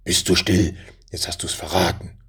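A man voicing two rough, bumbling forest robbers in a children's storybook reading, hissing threats and blustering. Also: low voice, little pitch movement, moderate pace, in a whisper, exaggerated voice. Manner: hissing menace, then blustering and shouting.

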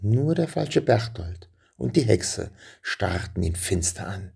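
A man reading a children's story aloud in a lively, dramatic way, dropping to hushed passages. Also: on the low side, takes it slowly, creaky, slightly rough.

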